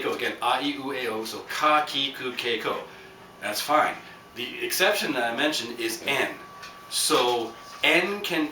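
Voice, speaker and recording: A man's voice: mid-range voice, bright, forceful tone. A man hosting a podcast, giving a rambling, joking lesson full of fillers and asides. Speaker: podcast host teaching Japanese. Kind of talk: casual spoken lesson. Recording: roomy, distant from the mic, faint background hum.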